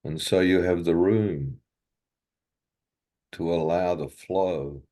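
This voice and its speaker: A man's low-sitting voice leads a guided meditation, calm and slow, pausing at length between short phrases.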